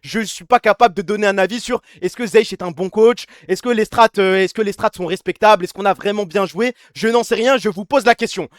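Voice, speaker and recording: A young man chatting on a live stream, fast and slangy with crude jokes and frequent laughs. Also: high voice, no echo, clean studio sound. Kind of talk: casual live-stream chat.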